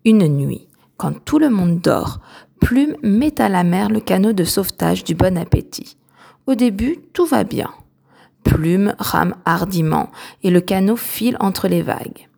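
A woman reads a children's story aloud, slowly and expressively. Her voice has a gravelly edge, and she lingers on each line. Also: mid-range voice. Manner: slow, expressive storybook reading.

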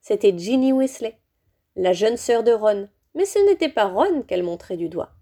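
A woman reads a children's story aloud in a steady, expressive manner. Her voice is fairly high yet mellow and soft in tone. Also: moderate pace. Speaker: audiobook reader.

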